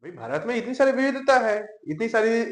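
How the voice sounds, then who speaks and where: A man's voice: very high-pitched, sing-song, fairly quick. A man teaching a class in a conversational lecture style, often asking the students rhetorical questions. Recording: echoey room.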